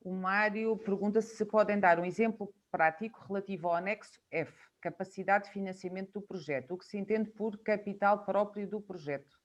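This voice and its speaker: A woman's voice: medium pitch, steady tone, fairly quick. A woman with a European Portuguese accent moderating a webinar, reading out audience questions with hesitant "eh" fillers. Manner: hesitant, fills with "eh". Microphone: video call.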